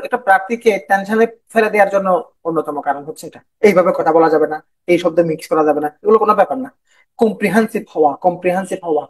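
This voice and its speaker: A man's voice: high-pitched, rough recording. A man with a Bangladeshi Bengali accent giving an online lecture as an exam interview coach, often repeating himself and mixing in English. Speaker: BCS viva coach.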